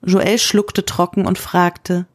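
A woman reading a story aloud in a measured storytelling manner. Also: lowish voice, little pitch movement, no echo, studio quality. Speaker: narrator. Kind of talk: scripted narration.

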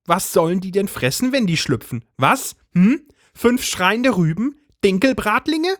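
A man doing a shrill, bossy suspicious housewife. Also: sing-song, a little slow, no room sound, clean studio sound. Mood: indignant. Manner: indignant, nagging, conspiratorial. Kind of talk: storybook reading.

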